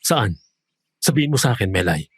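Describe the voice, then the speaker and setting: A man's voice: lowish voice, big pitch swings, brisk, husky, no room sound. A man voicing a worried, anxious husband in an audio horror drama. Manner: anxious, pleading, shouts when upset. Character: worried husband, the maid's boss.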